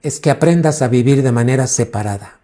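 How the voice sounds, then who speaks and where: A man's voice: mid-range voice, fairly quick, mellow. A man, a pastor preaching a teaching sermon and quizzing his congregation with questions.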